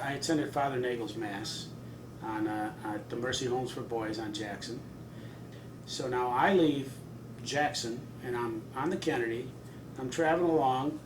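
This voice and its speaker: A man telling a step-by-step anecdote in an interview. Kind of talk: casual storytelling. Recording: roomy, distant mic with rumble.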